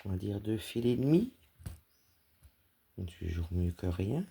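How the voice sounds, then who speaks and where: Husky woman stitching on camera, chatty and fond, dark mellow tone. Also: extremely low pitch, very animated, measured pace. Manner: chatty, fond, talks to her dog. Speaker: cross-stitch vlogger. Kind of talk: casual chat while stitching.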